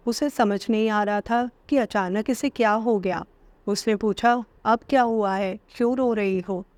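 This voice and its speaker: A woman reading a family story aloud as a storyteller, steady and expressive. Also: medium pitch, no echo. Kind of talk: scripted narration.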